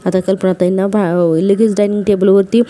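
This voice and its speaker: A woman's voice: mid-range voice, little pitch movement, normal speed, warm tone. A woman casually retelling a TV serial episode in plain conversational narration. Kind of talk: casual spoken episode recap.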